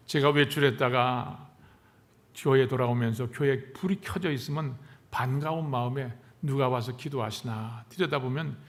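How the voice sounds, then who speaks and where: A male pastor preaching a sermon in earnest, pushing his voice up on key phrases and letting it fall at sentence ends, slowing down for emphasis. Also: mid-range voice, fairly bright tone. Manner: measured, earnest delivery with deliberate slowed emphasis.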